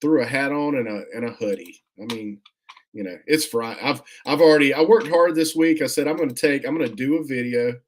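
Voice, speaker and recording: A man in a casual unboxing chat at a middle pitch. His talk is relaxed and rambling, full of "um" and restarts. He keeps breaking off to thank viewers for their comments. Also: fairly quick. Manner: friendly, thanks viewers often. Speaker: comic collector vlogger, host.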